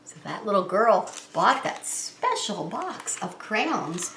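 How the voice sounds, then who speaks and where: A preschool teacher hosts story time, reading a picture book aloud and explaining it simply and expressively for young children. Her medium-pitched voice is very animated, slow, and slightly bright, with a little hiss or hum over roomy, echoing indoor sound.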